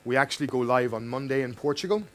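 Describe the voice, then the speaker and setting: A man with an Irish accent giving a live startup pitch at a demo night, earnest and with fillers. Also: quick pace. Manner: earnest, with fillers and mic checks.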